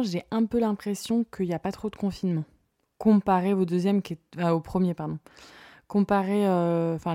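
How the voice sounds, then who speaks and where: A woman's voice: fairly low pitch, dark tone, no room sound. Chatty woman host, dry close sound. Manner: chatty and playful, with frequent hesitations. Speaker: podcast host. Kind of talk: casual chat. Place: her parents' home office. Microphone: podcast mic without its usual arm.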